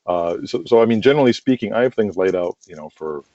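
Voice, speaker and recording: A man interviewed about the wrestling audio drama he wrote explains things at length and fast, his low, mellow voice lively in intonation. He rambles conversationally with frequent "you know" and "like," on dull lo-fi call audio that echoes roomily.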